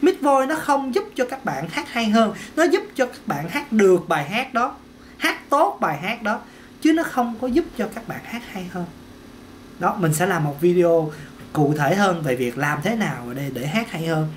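Lively singing teacher. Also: male voice, high-pitched, normal speed, slight background noise. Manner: chatty, repeats words, peppers talk with "ok" and "đó". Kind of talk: casual vocal lesson to camera.

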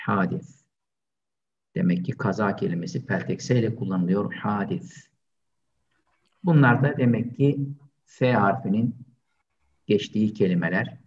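Slow, patient male language teacher. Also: on the low side, a little mellow, slight background noise. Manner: slow, patient, repeats each word several times. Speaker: Arabic teacher. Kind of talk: online language lesson, drilling pronunciation. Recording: distant, dull lo-fi sound.

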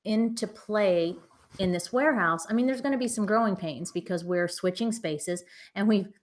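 A woman's voice: medium pitch, normal speed. A woman in her thirties co-hosting a casual chat from a living room couch, teasing and chatty, often tagging lines with "right?". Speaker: co-host of a reselling channel.

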